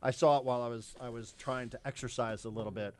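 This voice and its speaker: Animated, rambling male radio host. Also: mid-range voice, fast talker, no echo. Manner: animated, rambling with repeated words. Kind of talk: sports talk radio chat. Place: radio studio. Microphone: studio microphone.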